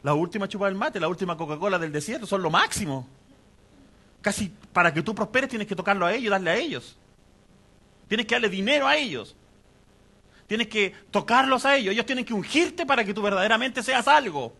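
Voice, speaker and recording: A man preaches a sermon in a bright, forceful voice that sits a little higher than most men's. He keeps it conversational, putting questions to the congregation as he goes. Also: expressive, fairly quick. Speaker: pastor.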